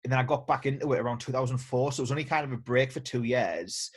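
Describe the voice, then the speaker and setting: A man's voice: mid-range voice, fairly even intonation, fast talker, breathy edge. A man, hosting a casual interview, chatty with frequent ums and restarts. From England. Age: 30s. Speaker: host. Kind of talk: casual video-call interview.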